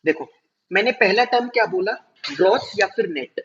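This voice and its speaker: A male teacher giving a classroom lecture, explaining step by step, slowing down to spell out terms and checking whether students follow. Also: high voice, lively intonation, fairly bright tone. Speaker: commerce teacher. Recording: dull lo-fi recording.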